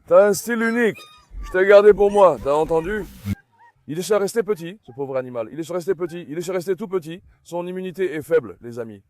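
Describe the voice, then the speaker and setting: A man vlogging outdoors in a garden, calling and coaxing his puppies in a lively, animated way and talking to his viewers. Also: high voice, brisk, dry recording. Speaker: dog breeder vlogger. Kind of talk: casual vlog talk to puppies and viewers.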